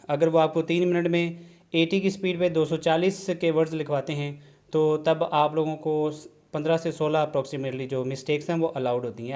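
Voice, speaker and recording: A man's voice: a little high, a little mellow. Man teaching a shorthand lesson. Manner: explanatory, repeats "theek hai ji", mixes English terms into Urdu. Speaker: shorthand instructor. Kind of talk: classroom-style video lesson.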